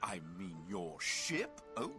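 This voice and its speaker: An actor voicing scheming male pirate characters in a video game with lively, theatrical delivery. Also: sits low, slow pace, music in the background, exaggerated voice. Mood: mock sympathy. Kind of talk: voiced game dialogue.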